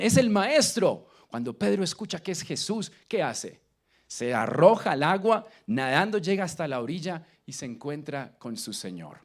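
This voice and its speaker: A Colombian-accented man delivers a sermon in a fairly high, very lively voice. He peppers the congregation with questions and swings between loud emphasis and hushed lines. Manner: preaching with rhetorical questions to the congregation. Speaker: pastor.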